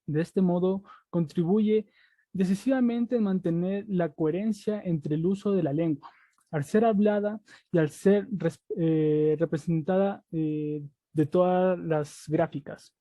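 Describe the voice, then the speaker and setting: A student giving a class presentation, halting, with many fillers and restarts. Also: medium pitch, warm tone, dry recording.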